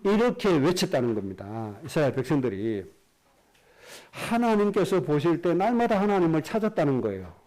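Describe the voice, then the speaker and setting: A man preaching a Sunday sermon as a pastor, asking the congregation rhetorical questions and dropping low at the ends of phrases. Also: very animated, a little mellow, rough recording. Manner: slows down and drops low at the end of phrases.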